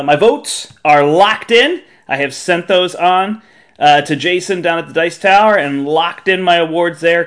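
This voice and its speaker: A man's voice: on the high side, a bit bright. A man hosting a board game podcast, speaking in a chatty, informal, showman-like way. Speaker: podcast host.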